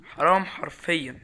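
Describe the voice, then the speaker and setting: A young gaming YouTuber with an Egyptian Arabic accent commentates his own Minecraft run in a slightly high voice. He's excitable, speaks directly to his viewers, and repeats words in bursts.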